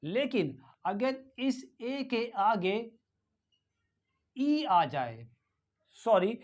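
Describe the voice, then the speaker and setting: Very slow Indian woman teaching pronunciation. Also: mid-range voice, sing-song, a little mellow. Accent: Indian English. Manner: spells words letter by letter, then repeats them slowly and clearly. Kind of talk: pronunciation lesson, mixing Hindi and English.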